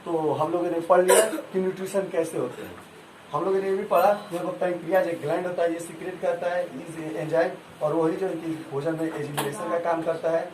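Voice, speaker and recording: Steady in tone and brisk in pace, a male teacher whose voice is on the high side runs a science lesson built on questions, repeated answers from the class, and homely examples. The room is echoey and noisy, and the mic sits far away.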